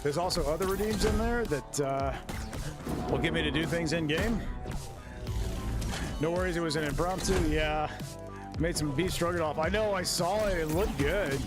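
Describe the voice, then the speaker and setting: A man's voice: on the high side, normal speed, pauses often, over music. Chatty man streaming a game. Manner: easygoing, chatty, laughs often. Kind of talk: casual live-stream chat while gaming.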